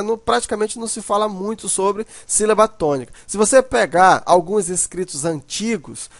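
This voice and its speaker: A man's voice: high-pitched, dry recording. A man teaching a grammar lesson, explaining step by step and often checking in with "né".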